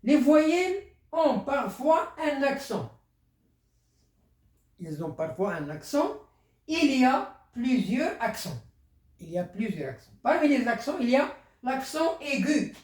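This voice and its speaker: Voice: high-pitched, very animated, unhurried, pauses often, a little mellow. A teacher giving a primary school lesson, explaining step by step and repeating words for the pupils. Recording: echoey room.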